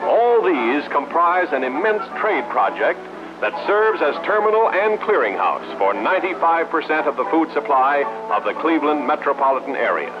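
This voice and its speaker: Animated 1950s American film narrator, male. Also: a little high, normal speed. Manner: formal, emphatic, clipped list-like phrasing. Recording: muffled vintage film soundtrack, loud music. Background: loud background music.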